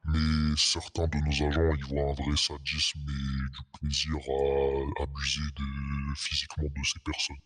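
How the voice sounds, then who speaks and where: A man playing an anonymous police officer giving guarded, hesitant, formal testimony in a disguised deep voice put through a voice changer. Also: completely flat delivery, a little slow, few pauses, a bit bright, husky, exaggerated voice. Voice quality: disguised, artificially deepened voice. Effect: pitch-lowering voice changer. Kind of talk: role-play interview. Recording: long echoing reverb, muddy voice.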